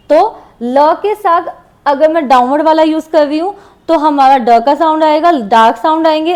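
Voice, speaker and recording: A woman teaching a shorthand lesson, speaking slowly and patiently and repeating example words as she writes them. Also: high-pitched, darkish tone. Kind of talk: classroom lesson explaining shorthand strokes.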